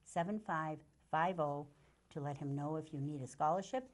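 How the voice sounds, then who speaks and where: A woman's voice: sits low, moderate pace. An older woman co-hosting a community show, chatting and reading out local announcements. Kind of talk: casual chat and reading announcements.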